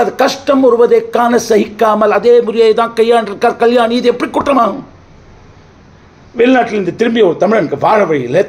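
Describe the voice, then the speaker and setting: In an extremely high-pitched voice, a man plays an accused brother, wronged and defiant, pleading his case in court with indignation. He declaims in the theatrical oratory of old Tamil films, using dramatic pauses.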